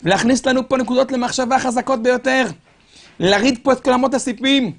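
A man preaching a sermon as a dramatic story, asking the crowd rhetorical questions and swinging from loud calls to hushed tones. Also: extremely high pitch, steady tone.

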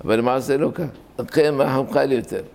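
A man giving a sermon, telling a miracle story and explaining a religious law in a plain-spoken way, with sudden high rises for emphasis. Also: steady tone, creaky, a little mellow. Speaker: religious teacher. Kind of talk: sermon storytelling and halakhic lecture.

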